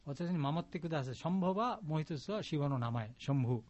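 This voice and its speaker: A man teaching a class a devotional song, patiently explaining it word by word in simple, halting Japanese. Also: on the high side, animated, a little mellow. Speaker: chant teacher. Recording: dull lo-fi recording.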